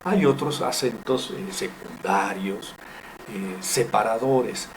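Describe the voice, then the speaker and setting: A man teaching Biblical Hebrew in a recorded lecture, explaining deliberately with frequent fillers and self-corrections. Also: fairly low pitch, background noise.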